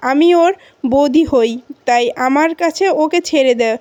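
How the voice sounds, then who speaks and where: A woman voicing an anxious young woman who fears for a friend, in a plain, quick retelling voice. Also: sits high, darkish tone, no echo, close to an everyday voice. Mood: worried. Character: young woman worried about a friend in danger.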